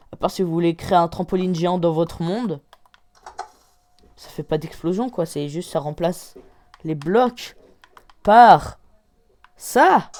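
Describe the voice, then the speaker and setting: A woman hosting a gaming channel, giving excited game commentary with loud exclamations, rating each item out of ten. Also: on the low side.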